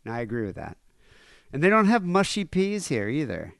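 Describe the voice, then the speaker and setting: Male podcast host, smooth clear voice, dry close mic, easygoing and rambling. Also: fairly high pitch, huge pitch swings, brisk, a bit bright, no echo. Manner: laid-back, rambling with fillers. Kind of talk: casual podcast chat.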